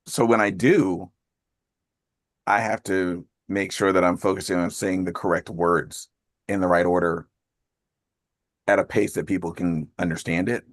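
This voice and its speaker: Deep-voiced man hosting a group call. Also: steady tone, no echo, clean studio sound. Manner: talks fast, laughs often. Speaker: call host. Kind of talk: casual group call chat. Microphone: video call.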